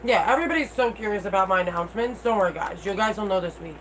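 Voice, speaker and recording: A middle-aged woman talks casually to her livestream viewers in a candid, unpolished way. Her speech sounds toothless, at an ordinary female pitch. There is faint noise from the room around her. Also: animated, rapid-fire, rough recording. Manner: candid, informal, mild swearing. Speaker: livestream host.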